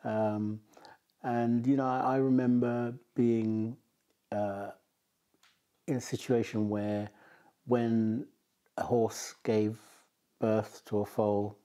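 Man in his sixties from Jamaica, mellow and lowish, measured and thoughtful; interviewee on a sofa. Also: flat delivery. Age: 60s. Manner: measured, thoughtful, many ums. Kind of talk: reflective interview recollection. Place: bright living room with bookshelves. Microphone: seated on a sofa, filmed from the front.

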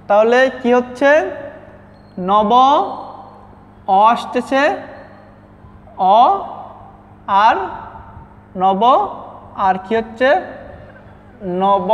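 A man teaching a lesson from slides, asking questions and answering them himself and repeating key words slowly. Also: extremely high pitch. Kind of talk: classroom lesson over slides. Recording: dull reverberant recording.

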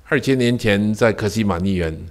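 An older man delivers a sermon as a pastor at normal speed and fairly low pitch, telling a personal story. His volume shifts sharply from loud cries to hushed near-whispers, and he asks the congregation rhetorical questions.

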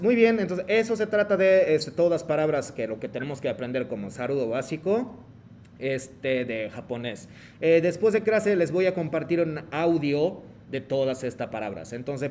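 Man, teacher, online class, halting phrasing, lots of fillers, slightly high voice. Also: darkish tone, slight background noise. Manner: halting non-native phrasing with many fillers. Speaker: Japanese teacher.

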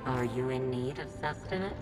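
A woman's voice: extremely low pitch, normal speed. A woman voicing a stoic female guardian construct in a video game, speaking in a formal, mechanical way through a robotic processed voice. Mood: dutiful. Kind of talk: video game character voice line. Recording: game audio, long reverb, loud music.

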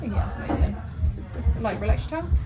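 A woman's voice: medium pitch, animated, fairly quick. A young British woman working as a piercer, reassuring and coaxing a client through a tongue piercing in a studio. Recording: loud music and voices behind. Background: music and chatter.

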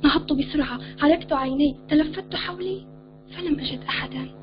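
A woman reading her own short story aloud in an emotive, expressive literary style. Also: high-pitched, fairly quick. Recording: dull lo-fi recording with music. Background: music.

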